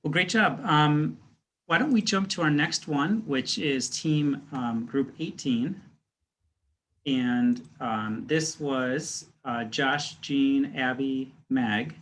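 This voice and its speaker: A man's voice: mid-range voice, takes it slowly, fairly bright tone. A man moderating student presentations in an online class, encouraging and hesitant, with many fillers. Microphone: video call.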